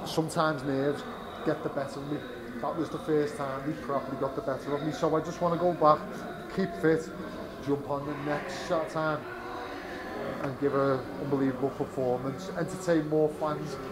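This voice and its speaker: In a fight venue's media area, a British fighter in his twenties talks candidly at a post-fight press interview, rambling with lots of fillers and restarts. His voice sits on the high side with little pitch movement at a normal speed. Crowd chatter carries behind him.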